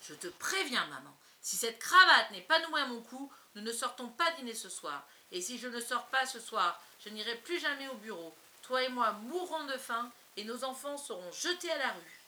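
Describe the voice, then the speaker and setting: A woman's voice: fairly high pitch, big pitch swings, normal speed, hardly any pauses, slight background noise, full character voice. Woman playing a blustering, furious storybook father. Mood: stern. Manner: shouting, sarcastic, self-pitying. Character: pompous blustering father, middle-aged man, quick to rage.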